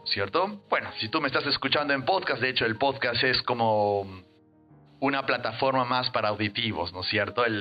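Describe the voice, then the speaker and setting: A man hosting an educational podcast, explaining in a lively teaching manner. He often acts out quick example voices and keeps checking in with listeners. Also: mid-range voice, lo-fi sound. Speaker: NLP trainer and podcast host.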